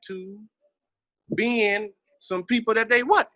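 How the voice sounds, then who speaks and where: With a high, bright voice, a steady tone and a forceful edge, this middle-aged Southern American man speaks slowly. He is a veteran rapper reminiscing casually as an interview guest, emphatic, slangy, streetwise and peppered with profanity. The recording is dry.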